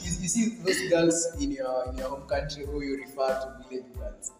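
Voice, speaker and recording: A man's voice: mid-range voice, normal speed, darkish tone. A man with a Kenyan accent chatting casually in a group discussion. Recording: very echoey hall, music behind.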